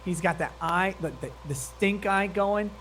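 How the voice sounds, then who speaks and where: A man's voice: high-pitched, measured pace, fairly bright tone, a little hiss or hum. A man giving profane, mocking live commentary on a video clip, laughing often. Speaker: streamer commenting on a meeting clip.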